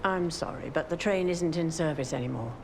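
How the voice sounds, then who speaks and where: Creaky, weary woman guardian. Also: low-pitched, a little fast. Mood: grave, guarded. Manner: grave, resigned. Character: weary, guilt-ridden woman guarding a forbidden path. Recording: game audio with background noise.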